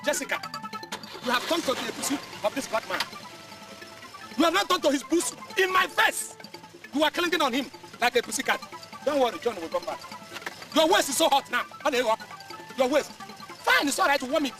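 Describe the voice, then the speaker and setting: A scornful, blustering Nigerian chief. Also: male voice, very high-pitched, big pitch swings, brisk, long pauses, music in the background, heavily acted. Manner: mocking, scolding, theatrical. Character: proud older male chief, blustering and scornful. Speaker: Chief Nwadike, a wealthy father. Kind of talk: Nollywood film acting.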